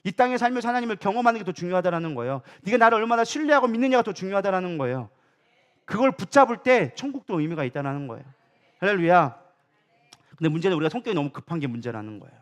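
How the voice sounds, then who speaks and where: A man with a high voice preaches a sermon at a quick clip. He talks in a lively, colloquial way, keeps asking the congregation rhetorical questions, and drops in humorous asides. He sounds like a co-pastor at work in a church. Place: church sanctuary.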